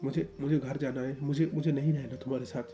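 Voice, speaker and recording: A man's voice: medium pitch, steady tone, fast, close to an everyday voice. A man voicing a tearful young man who stammers as he begs to go home. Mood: pleading. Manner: sobbing, stammering.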